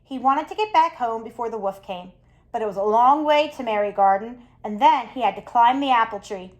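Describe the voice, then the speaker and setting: A woman reading a children's picture book aloud, expressive and stopping to ask her listeners questions. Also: on the high side, a little fast. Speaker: storyteller.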